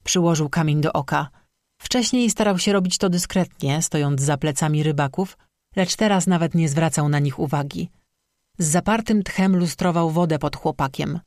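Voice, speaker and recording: Steady audiobook narrator, dry close sound. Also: medium pitch, moderate pace, no room sound. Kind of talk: scripted narration.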